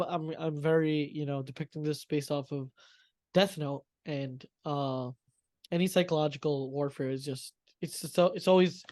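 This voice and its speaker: A man co-hosting a podcast, feeling sick, talking about anime in hyped, slangy casual chat with many repeats. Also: fairly high pitch. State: sick, coughing. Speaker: podcast co-host.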